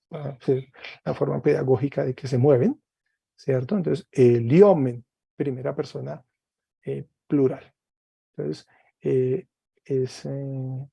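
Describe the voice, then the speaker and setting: Guy teaching a class over a video call, patient, repeats stuff, creaky voice, dry sound. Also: medium pitch, warm tone, dry recording. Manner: patient, slow, repeats words for students. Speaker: Greek teacher. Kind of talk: online class lecture.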